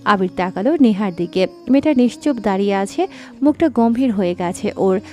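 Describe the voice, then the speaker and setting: A woman narrating a dramatic story in a scripted, expressive reading. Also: mid-range voice, brisk. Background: faint background music.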